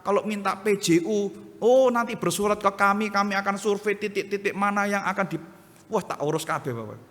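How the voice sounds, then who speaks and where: A high-voiced man preaches a sermon with an East Javanese accent, his tone bright and animated as he acts out characters in his anecdotes. The sound carries the long reverb of a church hall. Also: fairly quick. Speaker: pastor. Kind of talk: sermon with storytelling.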